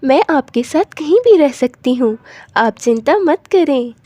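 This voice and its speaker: A woman voicing a gentle, devoted young wife in a cartoon story, speaking softly and agreeably. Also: sits high, animated, unhurried, dry recording.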